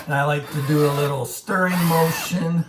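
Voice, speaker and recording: A man's voice: fairly high pitch, steady tone, moderate pace, echoey room, recorded from a distance, heavy background noise. A man hosting a home DIY video, explaining each step in a plain, easygoing way with small restarts, in his living room. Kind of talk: casual how-to narration.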